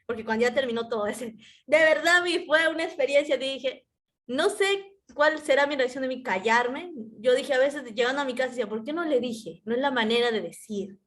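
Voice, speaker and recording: Young adult woman, high-pitched, animated storyteller sharing with the class on a call. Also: a little fast. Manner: animated storytelling, addresses teacher as "Miss" often. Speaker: student. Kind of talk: personal account in class discussion.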